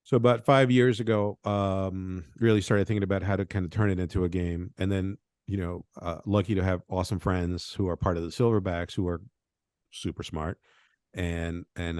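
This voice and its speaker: Low and a little mellow, this Venezuelan man's voice comes through clean studio sound with no echo. As a game designer in a podcast interview, he rambles loosely and keeps adding "right?" to his points.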